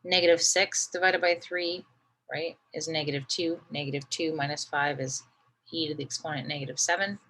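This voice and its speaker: A woman's voice: low-pitched, fairly even intonation, normal speed, sharp tone, rough recording. A woman teaching a math lesson, patiently talking through each step and often checking in with "right?".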